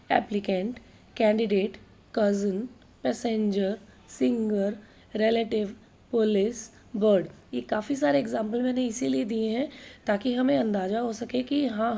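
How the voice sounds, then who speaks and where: A woman teaching an exam-prep grammar lesson, reading out word lists slowly and mixing English terms into her Hindi explanation. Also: on the high side, vocal fry, warm tone. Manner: tag questions like "है ना" between points.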